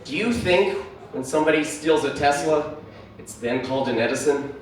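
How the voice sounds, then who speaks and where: A man's voice: on the high side, normal speed, very noisy. A man doing a stand-up comedy set on a brewery stage, rambling and self-deprecating, with constant fillers. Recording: echoey room heard from far off.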